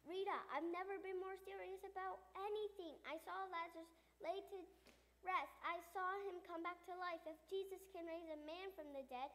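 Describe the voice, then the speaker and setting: Woman playing a loud male huckster for a children's skit, sits high. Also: steady tone. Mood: earnest. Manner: salesy, rapid-fire sales pitch. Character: fast-talking male used-camel salesman, pushy pitchman. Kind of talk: children's church radio skit.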